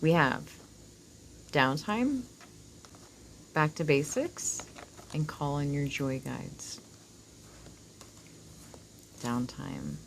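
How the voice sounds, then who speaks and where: A woman with a low voice and a whistling s talks casually to her viewers as she reads oracle cards. Her delivery is slow and wandering, with informal asides and some swearing. Faint noise sits behind the voice. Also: very animated, gravelly. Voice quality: whistling s from dental work. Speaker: oracle card reader, host. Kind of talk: casual card reading to viewers.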